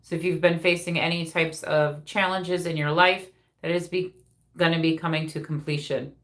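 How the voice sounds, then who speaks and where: A woman's voice: low-pitched, fairly even intonation, normal speed, fairly bright tone. A woman hosting a casual live spirit reading, speaking informally and directly to her viewers as a medium.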